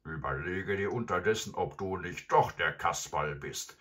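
A man voicing a blustering, gruff male robber who talks loudly and mockingly in a storybook reading. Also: unhurried. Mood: booming, mocking. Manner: booming, taunting.

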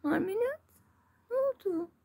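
A woman's voice: very high voice, lively intonation, unhurried, vocal fry, a little mellow. A woman with a Turkish accent coaxing and soothing her cat in doting baby talk, repeating pet names. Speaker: cat owner.

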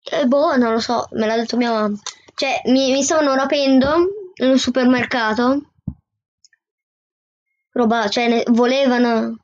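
Woman reading a story out loud, high voice, steady. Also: unhurried, pauses often, muffled recording. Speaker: co-reader. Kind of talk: reading a novel aloud.

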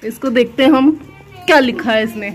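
A woman's voice: fairly high pitch, brisk, crowd noise. A woman vlogging casually from her home kitchen, a chatty mother who laughs often and coos playfully at her kids. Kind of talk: casual home vlog chat.

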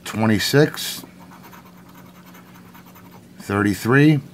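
Slow-paced middle-aged American man, noisy recording. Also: lowish voice. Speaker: vlogger. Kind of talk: casual scratch card commentary to camera. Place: indoors at home, at a tiled table. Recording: clearly noisy home recording. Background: noise and scratching sounds.

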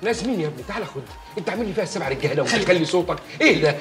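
A stubborn, taunting father in an Egyptian TV comedy. His voice sits very high and swings up and down, in a roomy space with music loud behind him. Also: animated, rapid-fire. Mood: scornful. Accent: Egyptian Arabic. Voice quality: scornful, taunting. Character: scornful, stubborn father of a groom. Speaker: actor in a comedy series.

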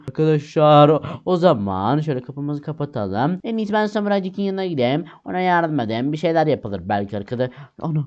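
A man hosting a game video, casually narrating and role-playing, talking excitably to viewers. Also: fairly high pitch. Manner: excitable, exclaiming, addresses viewers. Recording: lo-fi dull sound.

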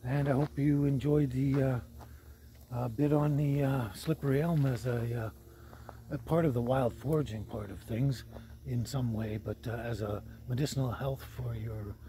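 An older Canadian man hosts a casual, unscripted vlog, talking to camera in a hesitant, rambling way at a forest campsite and inside a vehicle canopy. His voice is medium-pitched and warm, with fairly even intonation and a normal speed. The handheld outdoor audio carries clear background noise.

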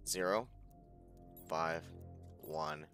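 A man's voice: low-pitched, drawn-out words, a bit bright, soft background music. A man casually commenting on his gameplay and singing along. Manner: chatty, sings along. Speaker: gameplay host.

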